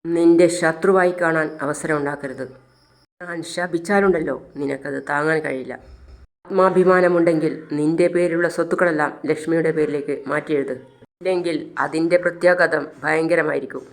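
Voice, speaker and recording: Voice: mid-range voice, fairly even intonation, brisk, natural voice. A storyteller voicing a stern, wealthy middle-aged father who warns his daughter. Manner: stern, warning.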